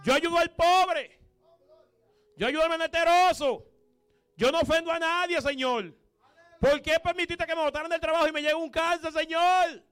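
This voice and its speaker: A man's voice: very high voice, normal speed, long pauses, fairly bright tone, pitched above the performer's own voice. A man voicing an aggrieved male believer who complains to God in a whiny, pleading, self-justifying way.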